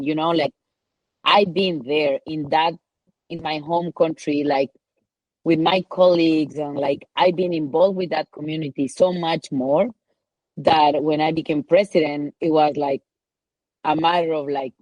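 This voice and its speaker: A woman's voice: sits low, a little mellow, dry recording, dull audio. A woman from Ecuador with a Spanish accent, a mountain guide telling her story in a casual interview, rambling with many "like" and "you know" fillers.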